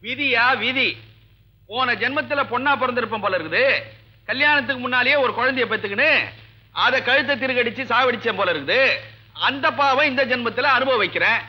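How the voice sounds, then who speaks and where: An actor playing a henpecked comic compounder in a 1980s film, whining and self-pitying. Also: male voice, extremely high pitch, a little fast, husky, dull audio. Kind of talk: 1980s film comedy acting.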